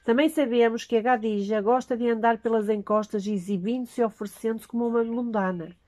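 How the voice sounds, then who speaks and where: A grumpy ruffian chewing tobacco in a spoken story, as a woman reader voices him, gruff and sneering. The voice is warm and mellow. The recording is dry and close. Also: on the high side, fairly even intonation, brisk, dry recording, natural voice.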